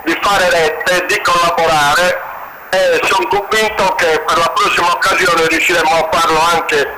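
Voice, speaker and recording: A man from Sardinia, president of a farmers' association, heard over a phone on speakerphone and giving a measured, earnest greeting to a conference. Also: a little high, fairly even intonation. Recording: noisy phone line on speakerphone.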